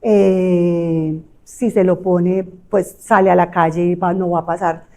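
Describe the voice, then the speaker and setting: A woman's voice: on the low side, flat delivery, slow pace, warm tone. A woman with a Colombian Spanish accent giving a conversational talk as an audiologist, explaining things in a chatty way with frequent fillers and rhetorical tag questions. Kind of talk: conversational health lecture.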